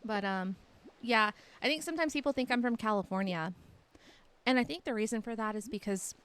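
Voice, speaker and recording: A woman's voice: on the high side, fairly quick, fairly bright tone, clean tone. Chatty young woman with a light Texan accent. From Texas. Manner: rambling, chatty, lots of "like" fillers. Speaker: livestreamer. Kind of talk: casual chat with stream viewers.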